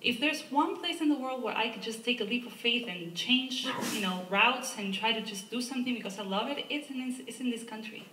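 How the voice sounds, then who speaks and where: The panelist, an environmental advocacy director from Argentina with an Argentine Spanish accent, talks earnestly about her advocacy, sprinkling in rhetorical "right?" asides. Her voice is a little high and a little fast, sharp, with few pauses, picked up by a far-off mic in an echoey museum lecture hall.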